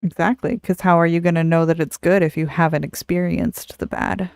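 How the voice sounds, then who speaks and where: A woman's voice: fairly low pitch, fairly even intonation, fairly quick, darkish tone, smooth, dry recording, studio quality. A woman in her thirties, co-hosting a podcast, speaking earnestly and emotionally in casual chat. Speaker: podcast co-host.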